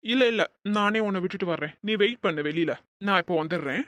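A woman voicing a protective young man in an animated cartoon, speaking in a firm, warning tone. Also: lowish voice, fast talker, no room sound, voice pushed down, natural voice.

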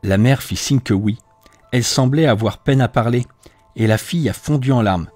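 A man reading a novel aloud as audiobook narration, in an expressive, varied way. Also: mid-range voice, normal speed, no room sound, faint music behind. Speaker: audiobook reader.

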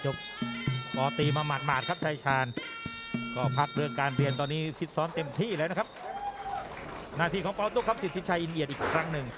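A man's voice: a little high, fairly quick, pauses often. A man giving conversational boxing commentary as a television co-commentator. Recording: loud music behind the voice. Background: loud music.

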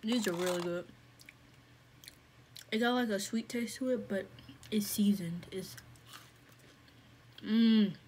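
A woman films a casual mukbang, chatting away between bites and often talking with her mouth full. Her voice sits at a plain middle pitch. A fan hums faintly in the background. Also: takes it slowly, pauses often, a little mellow. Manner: chatty, talks while eating with mouth full. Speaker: food vlogger. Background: faint fan hum.

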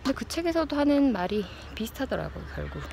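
A woman in her thirties chatting casually and reflectively to a phone at arm's length outdoors, in halting phrases as she searches for words. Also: sits high, sing-song, darkish tone. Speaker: vlogger. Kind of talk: casual reflective chat to camera. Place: outdoors in an open park with trees. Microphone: phone held at arm's length. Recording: clear outdoor background noise. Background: outdoor park ambience.

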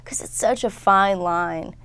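A woman's voice: medium pitch, measured pace, a bit bright, clear, resonant tone, dry recording. A young woman actress chatting in an interview, breezy and giggly as she tells stories. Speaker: actress guest. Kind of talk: casual interview chat.

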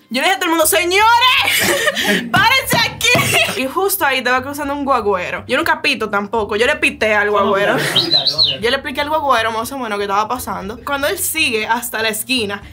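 A young woman with a Dominican accent telling a story casually, with sound effects and quoted shouts. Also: sits high, fast talker, background noise. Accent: Dominican Spanish. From Dominican Republic. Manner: lively, makes sound effects.

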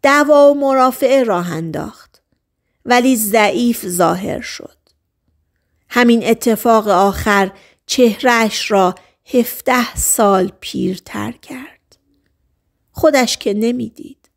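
Woman, audiobook narrator, scripted novel reading, calm and even, slightly high voice. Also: creaky.

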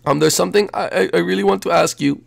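A man's voice: sits high, quick pace, creaky, dry recording, studio quality, heavily acted. A man voicing a lovestruck, nervous chef groom with a gushing, stammering delivery in a game role-play video. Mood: flustered.

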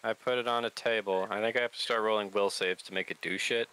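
Male tabletop player, low pitch with a forceful edge, casual chat. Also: fairly even intonation, fast talker, smooth, rough recording.

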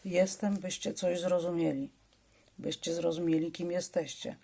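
An eerie star child, born of alien engineering, speaks from inside a phone in a solemn, hushed and measured way, as a woman reads it out. The voice sits low and husky, with a gravelly edge to it. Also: steady tone.

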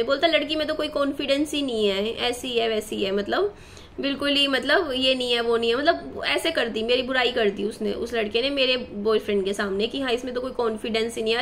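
A young woman with a fairly high voice tells her viewers a personal story in a loose, rambling vlog style. She leans on fillers and restarts her sentences often. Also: pushed and bright. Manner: chatty, full of fillers and self-corrections. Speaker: vlogger.

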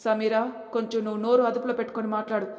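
A proud, touchy young daughter who answers in a plaintive, defensive way, as a woman narrator puts her on. Her talk is brisk and the room adds a long, echoey tail. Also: a little high, flat delivery, darkish tone, close to an everyday voice.

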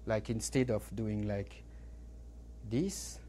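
Halting male art expert in an interview. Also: on the low side, dark tone, slight background noise. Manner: halting, searching for words. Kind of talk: interview answers.

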